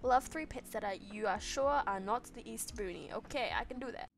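High, giggly young New woman gamer. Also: brisk, gravelly, over loud music. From New Zealand. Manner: chatty, giggly, excitable. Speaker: gaming channel host. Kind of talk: casual let's-play commentary.

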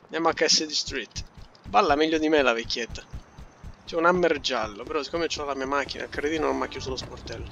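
A man's voice: fairly high pitch, fast talker, gravelly, lo-fi sound, slight background noise. A man casually commenting on his gameplay, joking and talking back to the characters on screen. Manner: joking, talks to the game characters, lively exclamations. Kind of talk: casual let's play commentary. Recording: game music loud behind. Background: loud game music and vehicle sounds.

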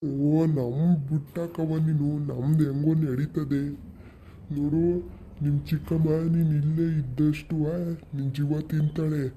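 A man playing an earnest village uncle with a dark tone. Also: on the high side, little pitch movement, unhurried, a little hiss or hum. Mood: tender. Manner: earnest, pleading, scolding the aunt. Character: tearful, caring village uncle, middle-aged man. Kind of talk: village family skit.

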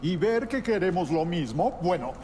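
An actor playing a sly, menacing old god king who sounds like a very old man, speaking in measured, pointed phrases in a game cutscene. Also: high voice, expressive, darkish tone. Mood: mocking, sly. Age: older. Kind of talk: dramatic video game cutscene acting. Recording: clear background noise.

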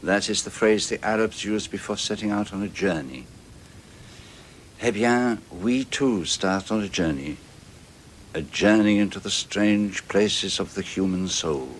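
Hercule Poirot, as an actor plays him. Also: male voice, fairly low pitch, a little hiss or hum, close to an everyday voice. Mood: grave. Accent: Belgian French. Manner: measured, theatrical delivery with French phrases. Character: fastidious Belgian male detective, precise, middle-aged.

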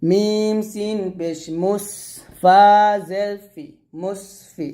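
A male Quran recitation teacher runs a very slow pronunciation drill, sounding out each letter and vowel syllable by syllable with brief asides. His voice is slightly high for a man, dark and mellow in tone, with fairly even intonation.

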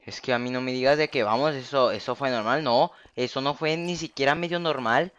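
A man's voice: medium pitch, a little fast, fairly bright tone, highs cut off, a little hiss or hum. Exasperated young man narrating his game. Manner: exasperated, repeats phrases in disbelief. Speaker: gaming youtuber. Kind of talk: Minecraft let's play commentary.

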